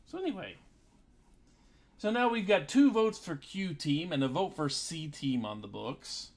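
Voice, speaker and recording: A man's voice: a little high, expressive, unhurried. A man giving casual live commentary as he streams a video game.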